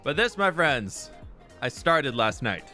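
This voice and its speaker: A man's voice: medium pitch, big pitch swings, takes it slowly, pushed and bright, soft background music. A young man live-streaming from a room at home, chatting casually and greeting viewers by name. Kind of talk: casual live-stream chat while gaming.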